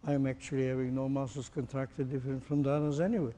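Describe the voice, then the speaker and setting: A man's voice: medium pitch, little pitch movement, fast, warm tone, in a large hall. A man teaching a group, asking pointed questions and demonstrating with his own body. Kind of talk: interactive lecture to a group.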